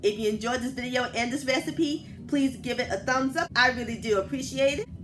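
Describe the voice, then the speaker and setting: A woman with a Southern US accent hosting a casual cooking video, expressive, with savoring exclamations and drawn-out words. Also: high voice, background noise. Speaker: cooking show host. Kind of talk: casual recipe narration.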